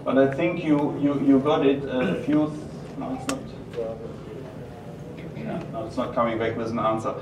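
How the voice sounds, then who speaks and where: An echoey, distant recording of a man with a strong German accent presenting at an event. He speaks at a middle pitch and answers questions haltingly, repeating phrases as he goes. Clear noise sits behind him. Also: steady tone, lo-fi sound. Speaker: company presenter taking audience questions. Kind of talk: live product presentation and Q&A. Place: roomy event venue. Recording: echoey, noisy room from far off.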